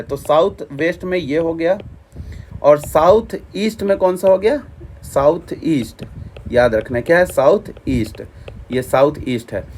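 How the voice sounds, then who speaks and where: A man's voice: a little high, a little mellow, a little hiss or hum. A man giving a classroom geography lesson, repeating points and asking and answering his own questions, with English terms mixed in. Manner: repetitive, quizzing, asks and answers himself; mixes English terms into explanations. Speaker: teacher. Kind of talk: classroom lecture.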